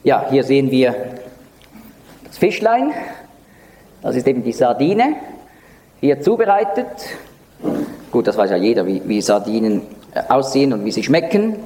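A man at medium pitch delivers Bible teaching in a large hall, and the long reverb trails after his words. He lifts his voice for emphasis and sinks low and quiet when quoting a dialogue. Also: moderate pace, pauses often, a little hiss or hum. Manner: expressive, lively pitch for emphasis.

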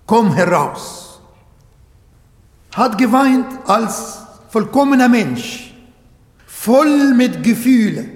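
A man preaching a sermon in an earnest, emphatic way with many pauses. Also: sits high. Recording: echoey hall with long reverb.

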